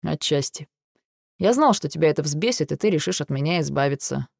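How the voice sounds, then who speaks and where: A man voicing a weary, dry-witted male dragon in an audiobook, with a gravelly, restrained delivery. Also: on the high side, lively intonation, brisk, no room sound. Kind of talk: audiobook dialogue reading.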